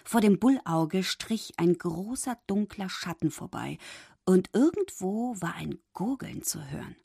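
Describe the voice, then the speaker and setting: A woman narrating a children's storybook in an expressive, dramatic reading. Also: mid-range voice, measured pace, creaky, husky, no echo, studio quality.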